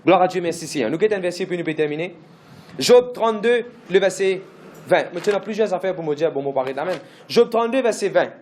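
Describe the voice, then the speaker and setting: A man's voice: high voice, expressive, fast talker, darkish tone, reverberant, slight background noise. A man pastor, preaching a sermon emphatically with lots of repetition and English phrases mixed in.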